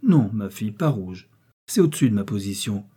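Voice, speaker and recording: A man's voice: fairly low pitch, big pitch swings, normal speed, breathy edge. A man reading an audiobook, voicing a humble older mother who speaks timidly and modestly. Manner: timid, soft-spoken.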